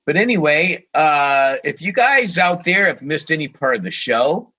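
Bright, slightly high-voiced male co-host. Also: lively intonation, measured pace, highs cut off. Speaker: radio show co-host. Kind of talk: casual unscripted chat.

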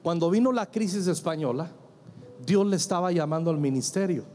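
Emphatic pastor preaching a sermon. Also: male voice, on the high side, animated, fairly quick, mellow, slight background noise. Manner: emphatic, acts out quoted dialogue, asks congregation to answer. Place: church with congregation.

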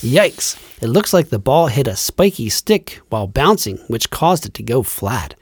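A man's voice: medium pitch, sing-song, unhurried, breathy edge, dry recording, clean studio sound. A man co-hosting a children's music podcast, talking in a playful, scripted skit style.

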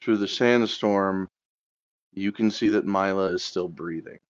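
A man with a low voice runs a tabletop game as game master, his narration hesitant and full of ums. The sound is dry and dull, like a lo-fi recording. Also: a little slow, dry recording. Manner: hesitant, filler-heavy narration.

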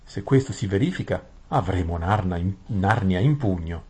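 A flattering old grand vizier, as a male narrator puts him on, all flowery praise and pitched a little higher. The tone stays husky and breathy underneath. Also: moderate pace. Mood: fawning.

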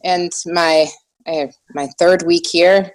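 An American woman with a slight German accent, chatting casually and haltingly in an interview, often restarting her sentences. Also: lowish voice, steady tone. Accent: American with a slight German influence. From United States. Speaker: podcast guest, small shop owner.

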